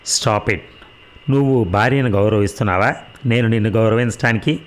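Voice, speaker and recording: A man's voice: lowish voice, moderate pace, close to an everyday voice. A man voicing a proud, sarcastic rich young wife in a read-aloud story, mocking and defiant. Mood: bitter. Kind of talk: audio drama reading.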